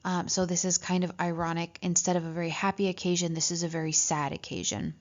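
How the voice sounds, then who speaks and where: A woman teaching a literature lesson, reading passages from a story and explaining them, often checking in with "right?" and pausing on "um". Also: fairly low pitch, little pitch movement. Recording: dull lo-fi recording.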